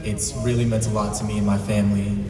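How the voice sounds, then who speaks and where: A young man with a lowish, flat voice speaks hesitantly with frequent ums. He sounds distant in a large hall with long reverb. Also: quick pace. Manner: soft-spoken, hesitant, many ums. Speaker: son speaking at a memorial. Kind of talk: short memorial speech. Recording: echoey hall from a distance with noise.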